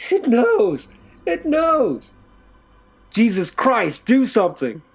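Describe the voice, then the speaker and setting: A man's voice: very high voice, huge pitch swings, slow, vocal fry, voice pushed up, full character voice. A man voicing a desperate male prisoner who sobs and shrieks in frantic terror. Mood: terrified.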